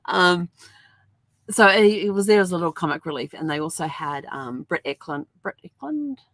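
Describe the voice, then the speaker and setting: A woman's voice: deep voice, steady tone, moderate pace, a bit bright, dry recording. A woman hosting a show, telling a story in a rambling, chatty way with lots of fillers. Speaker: host. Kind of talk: casual chat.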